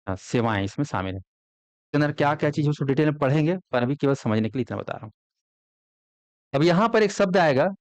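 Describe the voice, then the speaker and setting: A man delivers a classroom lecture for exam coaching, constantly firing questions at students and supplying the answers himself. He speaks at a medium pitch, and there's no room sound.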